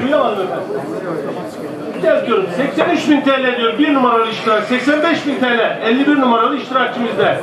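A man's voice: very high-pitched, a little fast. A man working as an auctioneer, calling out and repeating bids to bidders at a live sale. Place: open-sided outdoor sale ring. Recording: echoey distant PA with loud crowd. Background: loud crowd.

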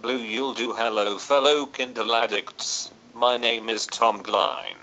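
A synthetic male text-to-speech voice with a British English accent, played from an e-reader and reading in an even, mechanical way. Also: mid-range voice, measured pace, lo-fi sound, a little hiss or hum.

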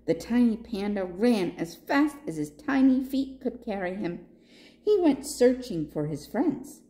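A woman librarian with a medium-pitched voice reads a picture book aloud to children expressively, pausing to ask her listeners questions.

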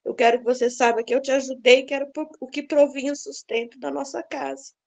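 A woman's voice: high-pitched, flat delivery, fast, vocal fry, a little mellow. A middle-aged woman, earnestly recounting a personal story and acting out the dialogue. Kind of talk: personal testimony, casual storytelling.

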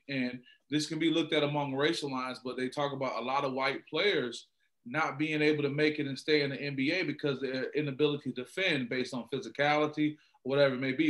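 A man hosts a casual sports talk show, speaking in an emphatic, conversational way. His voice has a bright, forceful edge. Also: mid-range voice. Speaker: podcast host.

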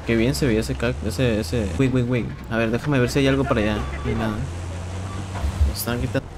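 A young man with a Mexican accent giving casual, excitable commentary while playing a shooter game, swearing and repeating words. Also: mid-range voice, fairly quick, over music. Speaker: gameplay streamer. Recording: game sounds and noise in background.

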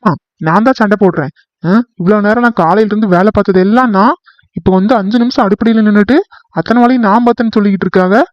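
A hot-tempered young village wife in a cartoon, voiced by a man, high-pitched and indignant. She accuses and argues without letting up. The recording is dry and a little dull. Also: quick pace, no room sound, natural voice. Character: fiery young village wife, quick to quarrel.

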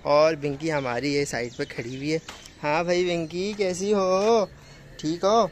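A man's voice: on the high side, steady tone, measured pace, a little hiss or hum. A young man chatting casually while he walks through his outdoor animal farm and talks fondly to the animals, recorded on a phone held at arm's length. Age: young adult. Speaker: farm vlogger. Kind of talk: casual walk-through vlog. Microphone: phone camera held at arm's length.

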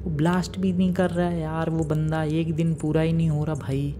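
A man giving lively, chatty commentary on his own gameplay, talking straight to his viewers. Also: on the high side, normal speed, background noise. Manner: excitable, chatty, talks to viewers as "bhai" and "guys". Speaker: gaming YouTuber.

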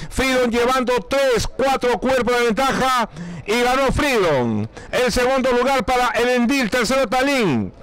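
High-pitched man calling a race. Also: fairly bright tone, clean tone, poor audio. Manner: announcer-like race calling in short, clipped phrases. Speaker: horse race commentator. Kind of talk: live race commentary.

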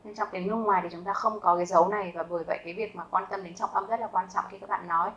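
Woman teaching German grammar calmly. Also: medium pitch, lo-fi sound, slight background noise. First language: Vietnamese. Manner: repeats example sentences slowly and carefully; asks learners rhetorical questions. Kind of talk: explanatory grammar lesson.

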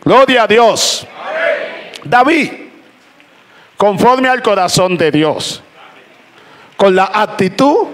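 A man preaching a sermon to a congregation, calling out praises between slow, emphatic phrases. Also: sits high, fairly bright tone. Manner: impassioned preaching with repeated "aleluya" and "gloria a Dios". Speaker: pastor. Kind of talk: Spanish-language sermon. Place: church hall with congregation. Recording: church crowd faintly audible. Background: congregation responding "amén".

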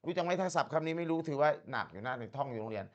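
A man tutoring English one-on-one, explaining in Thai and reading English slowly and carefully, with steady encouragement. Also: medium pitch, muffled recording.

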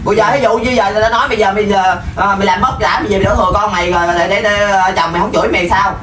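Woman arguing fast. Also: medium pitch, steady tone, a bit bright, slight background noise. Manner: arguing, defending the child. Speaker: grandmother figure in a comedy skit. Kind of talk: scripted comedy sketch acting. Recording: echoey room from far off.

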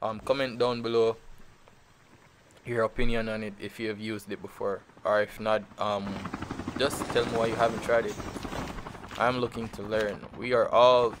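A gaming channel host with a Jamaican accent talks over his mobile shooter gameplay in a laid-back, rambling way, packed with fillers and repeats. His voice sits on the low side with little pitch movement and a normal speed, and there's background noise.

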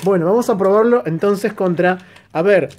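An Argentine man with an Argentine Spanish accent, narrating a toy unboxing and review with excitable bursts of exclamation. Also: high-pitched, moderate pace.

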